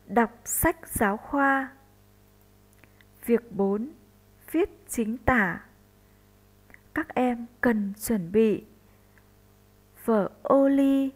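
Woman teacher, very slow deliberate delivery, slightly high voice, spells out sounds for first graders. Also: low-quality recording. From northern Vietnam. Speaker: primary school teacher. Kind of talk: slow recorded classroom lesson for first graders.

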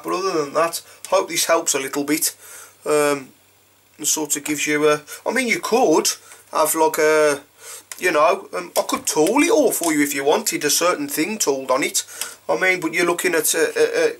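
A man's voice: fairly high pitch, a bit bright. A man, a leathersmith, rambling in a chatty, informal way as he records a casual video message to a customer from his home workshop.

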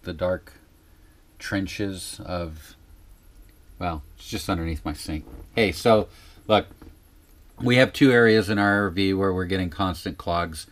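Male DIY vlogger, low voice, unscripted and rambling, hesitant explanations, recorded inside a small RV trailer. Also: normal speed, fairly bright tone. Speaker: vlog host giving RV upkeep tips. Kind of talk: casual unscripted how-to talk. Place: small RV interior.

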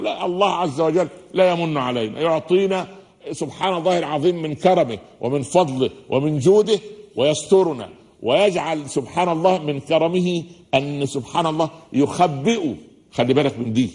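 A man with an Egyptian accent giving a religious lecture in a hall, talking fast and mixing formal and everyday speech as he asks the audience questions. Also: medium pitch, a little mellow. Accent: Egyptian Arabic. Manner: fast-talking, says listeners are used to his speed.

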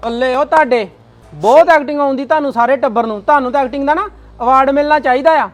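A man's voice: very high voice, fast, faint music behind. An actor playing a defiant husband who mocks his wife's family. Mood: mocking. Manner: mocking, defiant.

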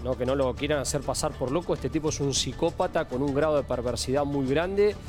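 A man's voice: medium pitch, fairly quick, darkish tone, faint music behind. A man with an Argentine Rioplatense accent, hosting a TV crime show and speaking with emphatic, indignant commentary. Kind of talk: TV crime news presenting and commentary.

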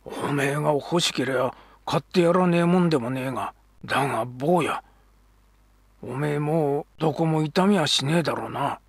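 A man voicing a proud but struggling middle-aged kabuki actor who talks in a rough, earnest Edo dialect. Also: a little high, moderate pace, no room sound. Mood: tender, pained.

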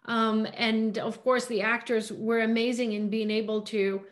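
A middle-aged woman from Greece talks casually through a laptop webcam from her home. Her voice sits a little high, and she rattles off quick bursts packed with fillers. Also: little pitch movement. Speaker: director and producer. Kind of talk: casual Zoom Q&A. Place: home room. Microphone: laptop webcam on a video call.

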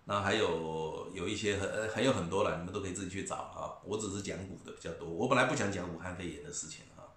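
A man's voice: low-pitched, fast, a bit bright. A middle-aged man ranting in a casual vlog, mocking and scornful, repeating himself and chuckling. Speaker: vlogger commentator. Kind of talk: casual rant to camera. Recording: echoey room.

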